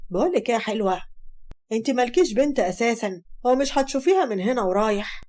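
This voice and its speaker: A woman's voice: on the high side, expressive, fast talker, darkish tone. Woman doing a taunting greedy man. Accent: Egyptian Arabic. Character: greedy scheming middle-aged man, mocking.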